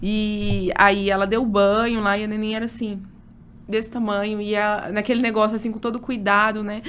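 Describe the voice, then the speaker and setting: Speaking at a normal pace with a medium-pitched voice, this woman in her thirties, an obstetrician, recounts something personal during a casual interview. She's animated and emotional, using plenty of fillers, with a faint hiss or hum on the recording.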